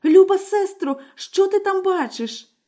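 A woman's voice: very high voice, lively intonation, measured pace, warm tone, voice pushed up. A woman voicing a terrified young wife who pleads through tears in a fairy tale. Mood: frightened. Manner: trembling, pleading, tearful. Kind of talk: storybook character voice.

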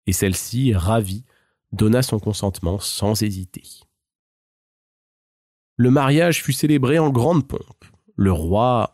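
Male fairy-tale narrator, unhurried with lively pitch, dry close sound. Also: no echo. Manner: measured, expressive. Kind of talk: storybook narration.

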